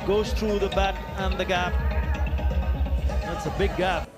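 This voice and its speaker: Male cricket commentator, high voice, explains each delivery, loud music behind. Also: fairly even intonation, unhurried, over a noisy crowd. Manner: descriptive ball-by-ball analysis. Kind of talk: live sports commentary.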